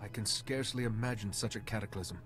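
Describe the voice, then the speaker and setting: An actor playing a calm, diplomatic male Jedi hero in a video game, speaking in a measured and earnest way. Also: on the low side, soft background music, natural voice. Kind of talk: video game dialogue acting.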